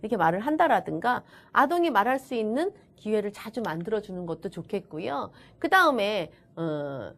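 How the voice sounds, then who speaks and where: A woman's voice: mid-range voice, moderate pace, hardly any pauses. A woman giving a recorded online lecture in a chatty manner, often acting out what teachers and children say. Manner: chatty, lively, acts out children's and teachers' lines. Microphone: camera-recorded lecture.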